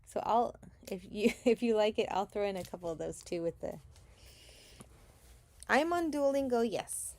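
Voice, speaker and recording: A Chilean-born woman chats casually on a live selling stream, rambling a bit and thanking buyers while sticker packs crinkle in the background. Her mid-range voice is expressive and darkish, at a normal speed with frequent pauses.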